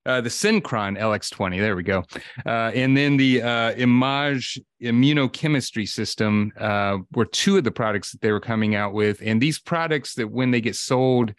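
Guy podcast host, medium pitch, chatty and halting, really dry studio-close sound. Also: clear, resonant tone, dry recording. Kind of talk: conversational introduction of a guest.

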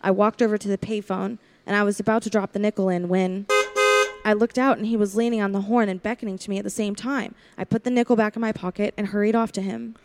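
Here a woman gives first-person narration as a wary, lonely young drive-in waitress in a 1940s-style radio play, sounding wistful and confiding. Medium in pitch and a little mellow, she speaks quickly with fairly even intonation, near her everyday voice, over slight background noise.

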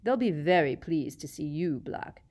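A woman's voice: low-pitched, animated, measured pace, a little mellow. A woman reading aloud and voicing a cold, bitter middle-aged male teacher with a silky, sneering manner in a storybook. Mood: menacing. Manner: sneering, silky, rising to shrieks.

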